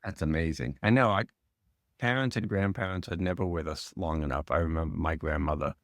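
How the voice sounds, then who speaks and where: A man's voice: low-pitched, a little fast, no room sound, studio quality. A middle-aged man hosting a podcast interview, friendly and encouraging in casual chat. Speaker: podcast host.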